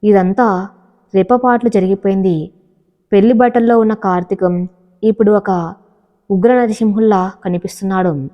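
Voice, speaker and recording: A woman narrating a dramatic love story in a steady reading voice, taking on every character's lines herself. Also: mid-range voice, moderate pace, pauses often, long reverb tail, lo-fi sound.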